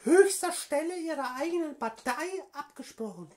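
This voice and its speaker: A man's voice: extremely high pitch, animated, normal speed, a little mellow, pitched above the performer's own voice. A man voicing a pushy, mock-official woman party envoy on a prank phone call, insistent and evasive. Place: small room at home, indoors.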